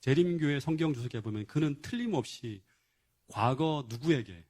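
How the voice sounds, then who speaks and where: A man's voice: mid-range voice, very animated, moderate pace, a little mellow. A male pastor giving a sermon, retelling a Bible story emphatically with rhetorical questions and frequent interjections of "yes".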